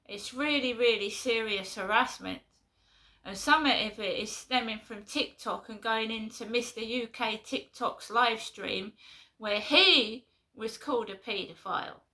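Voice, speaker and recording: Woman with a London accent, fed-up vlogger, slightly high, sharp forceful tone. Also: measured pace. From London, England. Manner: exasperated, repeats herself, talks in short bursts. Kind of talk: casual venting vlog.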